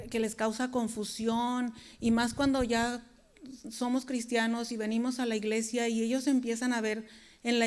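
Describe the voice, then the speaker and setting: Woman giving an earnest sermon, higher voice, chatting straight to the church folks. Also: a little mellow, smooth. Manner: earnest, conversational, addresses the congregation directly. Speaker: preacher and worship leader.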